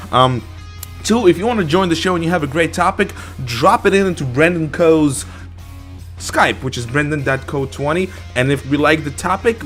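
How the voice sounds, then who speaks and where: A man's voice: a little high, fairly bright tone. Young male co-host from Ukraine, Russian accent, jokey crude rambling gamer chat, faint music under. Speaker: podcast co-host. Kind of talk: casual gaming-stream chat.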